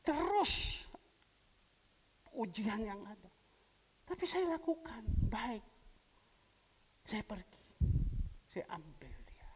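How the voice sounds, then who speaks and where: A male pastor from preaching a sermon, telling a story with quoted dialogue and big swings in pitch and loudness. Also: big pitch swings, slow, pauses often, slightly rough. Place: church hall. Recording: long church hall reverb.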